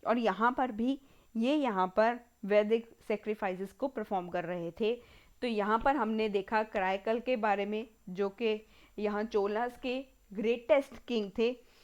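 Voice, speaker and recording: A woman with an Indian accent giving an exam-prep history lecture, slowly repeating key terms as if dictating and mixing Hindi with English words. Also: medium pitch, a little mellow. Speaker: history teacher.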